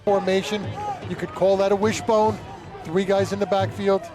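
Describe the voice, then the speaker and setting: A man's voice: high-pitched, flat delivery, moderate pace. A man working as a football color commentator, analyzing plays and formations in a conversational way. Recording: loud music and crowd behind the voice.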